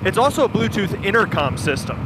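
Riding a motorcycle, a video producer reviewing gear explains its features in detail over a helmet intercom, matter-of-fact and casual. His high voice swings widely in pitch at a slightly fast pace, with wind and engine noise in the audio.

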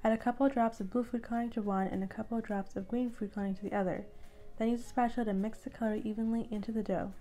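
A woman's voice: on the high side, dark tone. Upbeat young woman hosting a cooking video. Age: young adult. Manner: upbeat, chatty, addresses viewers directly. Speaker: cooking channel host. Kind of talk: friendly recipe tutorial. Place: indoor room at home.

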